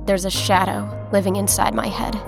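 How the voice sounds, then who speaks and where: Actress as a haunted, flat-voiced young woman. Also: mid-range voice, normal speed, creaky, close to an everyday voice. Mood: haunted, uneasy. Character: haunted sleepless grieving young woman, uneasy. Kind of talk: scripted horror drama trailer. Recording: music under the voice. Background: music.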